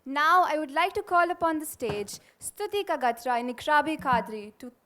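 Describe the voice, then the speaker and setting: A woman's voice: high-pitched, expressive, moderate pace, bright, forceful tone. A young woman compering a school event in a polished, declamatory manner. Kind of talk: scripted stage announcing and poetry recital.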